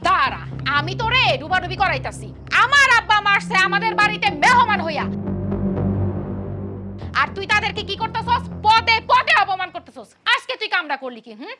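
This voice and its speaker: A woman's voice: extremely high pitch, sing-song, loud music behind the voice. A woman playing a fierce scolding young wife. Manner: scolding, sharp, quick. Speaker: daughter and wife. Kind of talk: comic TV drama acting.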